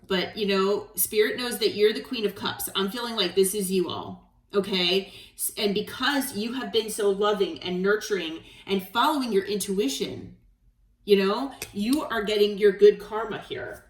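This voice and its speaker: A woman giving a tarot reading to her viewers, speaking in a gentle, reassuring way and checking in often. Her voice sits in a middle register. It sounds roomy, with the mic set some distance away. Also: mid-range voice, moderate pace. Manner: gentle, encouraging, frequent "okay?" check-ins. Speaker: tarot reader.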